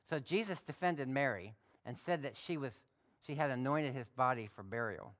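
A man's voice: mid-range voice, lively intonation, normal speed, fairly bright tone. Man preaching a folksy sermon. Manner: folksy, conversational preaching with reading aloud. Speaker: pastor. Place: church.

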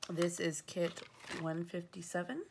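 Heavy background noise surrounds a woman's fairly low, slightly slow voice with vocal fry. She's a planner vlogger at a table at home, sniffly from allergies, casually showing off her stickers with fillers and self-corrections.

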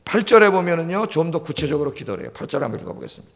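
A man's voice: on the high side, big pitch swings, very fast, gravelly. A male pastor preaching a sermon, emphatic, repeating key phrases and asking the congregation questions. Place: church sanctuary. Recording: long church hall reverb.

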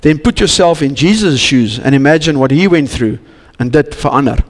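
A man preaching in a church hall, his South African accent and Afrikaans roots plain in every phrase. His voice sits somewhat high and carries an earnest, pleading urgency, stumbling into restarts as he presses his questions. A long reverb trails each line through the hall. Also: animated, moderate pace. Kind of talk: bilingual church sermon.

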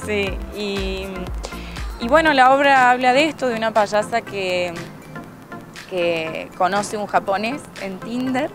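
A woman's voice: mid-range voice, slow pace. Chatty young Argentine woman, music behind. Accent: Argentine Spanish. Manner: chatty, laughs often, hesitant fillers. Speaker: guest actress and playwright. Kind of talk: casual TV interview. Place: outdoors by a plant wall. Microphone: handheld mic.

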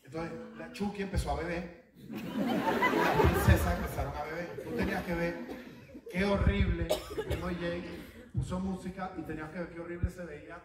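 High-voiced stand-up comedian before a roaring crowd. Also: male voice, normal speed, distant mic, heavy background noise. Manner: animated, shrieking into high put-on voices. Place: live comedy stage. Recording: roomy venue, from the mic, loud crowd.

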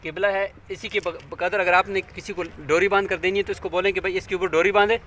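A man's voice: high-pitched, level tone, fast, fairly bright tone, a little hiss or hum. A man teaching a hands-on demonstration, patient and step by step, often asking his listeners to check along.

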